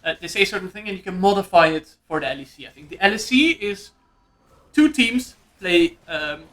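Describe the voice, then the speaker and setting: A man casts a live esports match. His voice sits high and light. He calls the action excitedly and drops jokey asides. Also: fairly quick. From Netherlands. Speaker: esports commentator.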